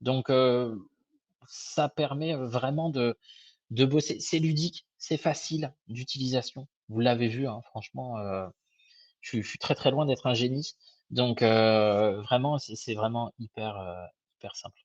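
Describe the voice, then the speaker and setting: Giving a casual webinar presentation, a young advisor speaks in a slightly hoarse, medium-pitched voice at an unhurried pace. His manner is informal and hesitant, full of fillers and restarts, and the dry recording has the dull, lo-fi quality of a web call.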